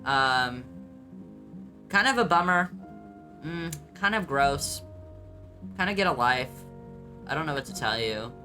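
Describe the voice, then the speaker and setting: A young man with a light voice that still has some bass reacts to his old videos in casual, blunt, self-mocking talk, swearing freely and filling gaps with ums. His delivery is expressive, pushed and bright, with soft music playing behind him.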